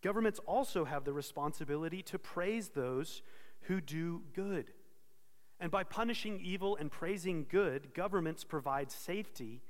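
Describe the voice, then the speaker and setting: Man, pastor, expository sermon, earnest, slightly high-pitched, long hall reverb. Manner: earnest expository preaching with self-corrections.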